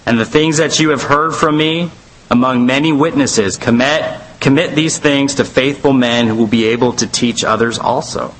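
A man's voice: medium pitch, normal speed, a bit bright, low-quality recording. A man teaching a church Bible study in a conversational, rambling way, full of fillers and asides.

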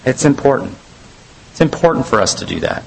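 A man leads a church Bible study in a loose, conversational way. He rambles, circles back and leans on fillers between points. His voice sits at an ordinary middle pitch, with a faint hiss behind it. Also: very animated, a little fast, gravelly, rough recording. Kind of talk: casual Bible study teaching.

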